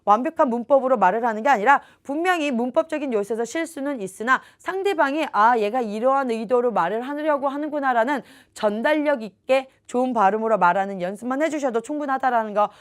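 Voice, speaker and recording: Female instructor, higher voice, explanatory lecture delivery, repeats key points. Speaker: English test prep instructor.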